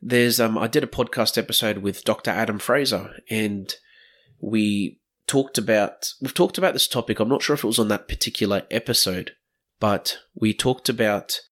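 A man with a fairly low voice hosts a solo podcast in a loose, casual way. He circles back on his words and restarts sentences as he thinks aloud. Now and then he slips into quick quoted voices of other people. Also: fairly bright tone. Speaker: podcast host.

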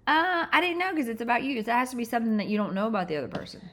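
A woman with a Southern US accent hosting a casual podcast interview, playful and animated as she asks questions. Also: on the high side, very fast.

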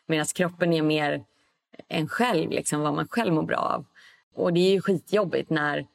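A woman speaking as a podcast guest in an easy, reflective way. Her voice is very low, with a gravelly creak at the ends of her phrases, and she often pauses to find her words. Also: fairly even intonation. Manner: reflective, thinks aloud with pauses. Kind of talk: casual podcast conversation.

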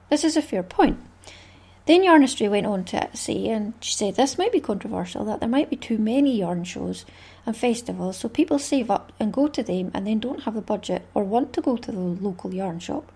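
A Scottish woman hosts her craft podcast alone, her voice a little husky and breathy. She sits fairly high in her range and rambles through her thoughts in a friendly, chatty flow, with small laughs here and there. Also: expressive, normal speed, a little mellow. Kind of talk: casual solo podcast chat.

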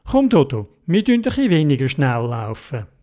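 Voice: mid-range voice, big pitch swings, moderate pace, warm tone, natural voice. A storyteller voicing Theobald, a brave, cheerful boy who urges his friend on, in a Swiss German accent. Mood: plucky. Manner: plucky, encouraging.

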